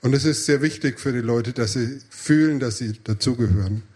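A man's voice: medium pitch, fairly quick, a little mellow, husky. A man interpreting a sermon phrase by phrase, with hesitations and self-corrections.

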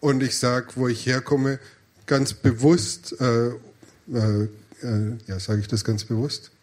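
A man's voice: medium pitch, little pitch movement, slow, darkish tone. Hesitant male sermon interpreter. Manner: translates phrase by phrase, with hesitations and self-corrections.

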